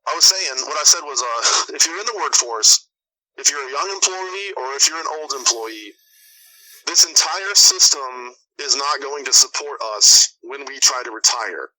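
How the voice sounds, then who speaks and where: A man's voice: medium pitch, normal speed, sharp tone. A man in his twenties calling into a radio talk show over a breaking-up phone line, giving earnest, blunt advice with casual swearing. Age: 20s. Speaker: guest calling in.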